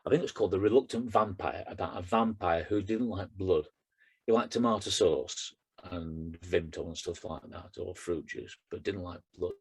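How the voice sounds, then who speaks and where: A middle-aged man, a poet, chatting loosely at a book launch and then reciting his own verse in a steady rhythm. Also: low voice, moderate pace, breathy edge. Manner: chatty and rambling with fillers, rhythmic when reciting. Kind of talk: book launch talk and poetry reading.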